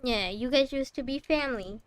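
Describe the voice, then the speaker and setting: A woman with a high-pitched voice speaks at a moderate pace, giving casual commentary on a game playthrough. As a streamer, she playfully teases and talks back to the characters, recorded on a close microphone.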